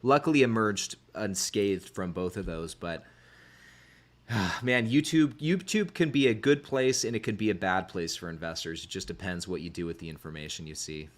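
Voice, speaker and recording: Meet an easygoing man hosting a laid-back podcast chat. His voice sits on the low side, and he thinks aloud as he shares his views. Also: normal speed. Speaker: podcast host.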